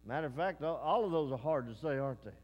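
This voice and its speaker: A man's voice: a little high, lively intonation, fast, in a large hall. A man from Texas, preaching a folksy, conversational sermon and often turning to the congregation with questions. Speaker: pastor.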